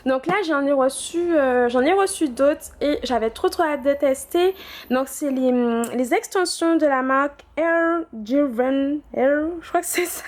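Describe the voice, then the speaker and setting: A young woman vlogging casually from home, chatty, with many fillers and restarts. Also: high voice. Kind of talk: casual vlog chat. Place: at home indoors.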